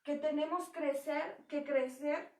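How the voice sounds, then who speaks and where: Young woman, conversational sermon, high pitch, roomy hall sound. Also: fairly even intonation, takes it slowly. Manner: conversational preaching with acted quotes. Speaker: church speaker. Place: church hall. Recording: echoey hall from far off.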